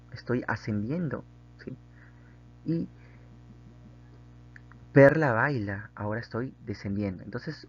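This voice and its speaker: A man's voice: mid-range voice, dull audio. A man teaching a grammar lesson, patiently explaining and often checking in with the class through tag questions.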